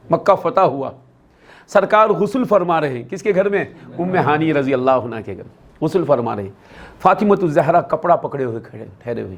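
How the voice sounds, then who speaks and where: A man giving a religious sermon at a gathering, asking the audience questions and repeating the answers, and acting out quoted dialogue in a raised voice. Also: on the high side. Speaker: Islamic scholar preaching.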